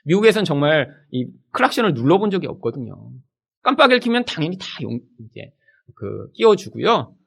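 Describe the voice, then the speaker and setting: Man, middle-aged, pastor, church sermon, high voice, animated delivery. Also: fairly quick, creaky, slightly rough. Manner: animated, acts out quoted people in his preaching.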